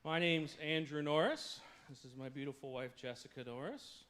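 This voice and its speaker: A man's voice: a little high, moderate pace, fairly bright tone. A man giving a guest sermon from a church stage, chatty and self-deprecating, often breaking into jokes between "uh"s. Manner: jokey, self-deprecating, many fillers. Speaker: guest speaker. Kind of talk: casual joking sermon talk. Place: church stage before a congregation.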